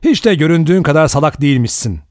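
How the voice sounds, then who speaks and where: A man voices a sardonic, sharp-tongued adventurer, pitching his voice a little high, above his own natural range, with lively intonation and light acting. The mood is mocking, delivered through quick retorts, and the recording is dry with clean studio sound.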